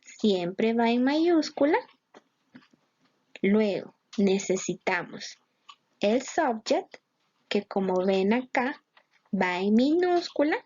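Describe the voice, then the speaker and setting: A woman's voice: a little high, darkish tone, breathy edge, lo-fi sound. A woman teaching English grammar in a patient, explanatory online lesson, mixing English terms into her Spanish.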